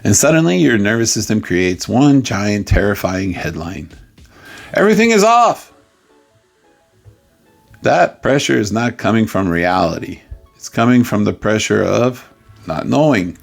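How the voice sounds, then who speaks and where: A man as a life coach, giving a playful, jokey coaching talk with sudden loud outbursts. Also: mid-range voice, normal speed, creaky, faint music behind.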